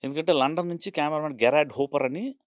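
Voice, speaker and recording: An older man tells his stories at a brisk, rapid clip. He slips into other people's voices as he goes. The sound is dry and close, with no room echo. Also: fairly high pitch. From Andhra Pradesh, India. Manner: animated anecdotes, acts out other people's lines. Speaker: art director, interview guest. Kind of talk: storytelling in a casual interview.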